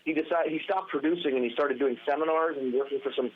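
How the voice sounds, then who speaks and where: A man telling a long story as a podcast guest, animated and rambling, restarting his sentences often. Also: a little high, quick pace, slight background noise. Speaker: podcast guest, former band guitarist. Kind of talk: casual storytelling interview. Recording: tinny phone-line sound.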